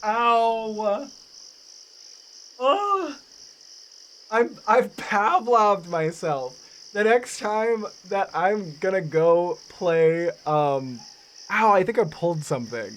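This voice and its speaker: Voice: mid-range voice, animated, takes it slowly, slight background noise. A streamer giving casual live commentary on a cozy game, playful and goofy, chatting to viewers. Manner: playful, goofy, talks to chat.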